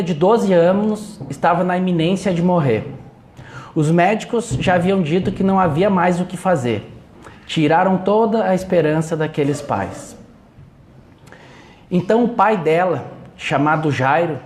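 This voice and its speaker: A man giving an inspirational religious talk, telling a Bible story slowly and deliberately, with emphatic pauses. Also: high-pitched, a little mellow. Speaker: speaker. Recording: roomy echo.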